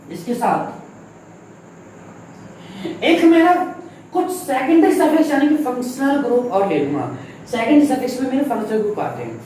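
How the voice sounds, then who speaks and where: A man teaches in a lively, animated voice that rises and falls a lot, and he asks and answers his own questions as he goes. He sounds set back from the mic in a strongly echoing room. There is a faint hiss of noise behind him. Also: extremely high pitch, recorded from a distance. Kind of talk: recorded classroom lesson.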